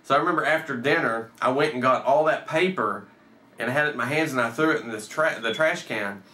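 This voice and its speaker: A man in his thirties, a host and storyteller, casually recounts a personal story with swearing and acted-out dialogue. His medium-pitched voice is brisk, pushed, and bright, recorded off the mic with a roomy echo.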